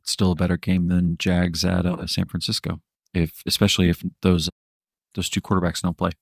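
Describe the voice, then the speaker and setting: A man with a fairly low voice talks football in loose, rambling chat, laughing partway through his sentences and swearing now and then. The sound is dry and close, with no room around it. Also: flat delivery, brisk, creaky, no room sound. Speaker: podcast co-host. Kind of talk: casual sports chat.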